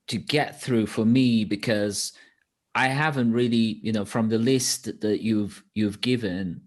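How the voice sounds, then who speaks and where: A man's voice: on the low side, fairly even intonation, a little slow. A man from Bosnia with a Bosnian accent, hosting a reflective interview and speaking hesitantly, with restarts and sighs. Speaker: host.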